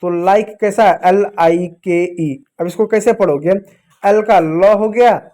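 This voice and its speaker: A man with a high voice gives a phonics lesson to children. He asks and answers his own questions and slows down as he spells out each letter. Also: warm tone. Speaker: English reading teacher.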